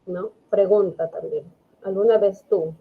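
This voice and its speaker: A woman's voice: mid-range voice, fairly even intonation, a little slow, slightly rough. A woman English teacher, explaining grammar patiently in an online class and checking understanding often. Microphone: video call. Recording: phone-like online call audio.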